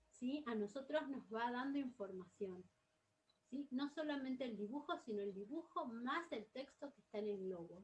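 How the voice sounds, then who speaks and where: A woman gives a recorded class lesson, her voice sitting somewhat high. She explains step by step in a patient way and keeps checking that her listeners follow along. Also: rough recording. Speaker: teacher.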